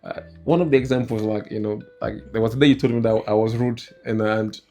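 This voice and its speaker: A young man raised in Nigeria talks casually with his wife about married life, pausing often with "you know". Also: on the low side, fairly even intonation. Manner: hesitant, many "you know" fillers. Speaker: co-host, husband. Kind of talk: casual couple chat. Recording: soft guitar music behind.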